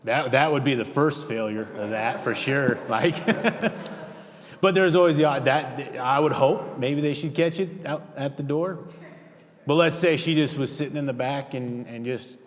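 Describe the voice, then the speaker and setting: A man's voice: medium pitch, measured pace. Casual man in an echoing church hall. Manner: casual, rambling with many restarts. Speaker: safety trainer. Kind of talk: church safety training talk. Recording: reverberant hall.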